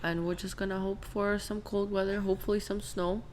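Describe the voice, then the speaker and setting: A woman's voice: mid-range voice, level tone, brisk, darkish tone, a little hiss or hum. A young woman from Ukraine co-hosting a reaction channel, chatting in a playful, wry way. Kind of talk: casual chat.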